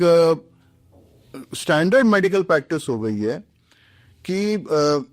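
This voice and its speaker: A man's voice: fairly high pitch, no room sound. Doctor guy explaining stuff, earnest, dry studio sound, faint music under. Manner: earnest, mixes English phrases into Hindi. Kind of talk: explanatory podcast talk.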